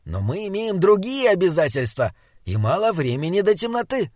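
A man's voice: a little high, sing-song, normal speed, dry recording, clean studio sound, pitched above the performer's own voice. A man voicing a small, wise male troll guide who talks in a stilted, oddly formal way. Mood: lecturing.

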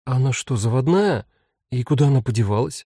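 A man's voice: mid-range voice, lively intonation, brisk, warm tone, slightly rough, no room sound, studio quality. A man voicing a chatty, insistent younger sister, a little girl. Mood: puzzled.

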